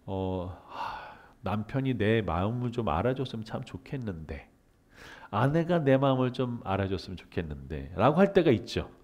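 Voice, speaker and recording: The recording is muffled, and the man's voice sits on the low side as he gives a humanities lecture. He raises questions, answers them himself, and performs everyday dialogues with lively voices.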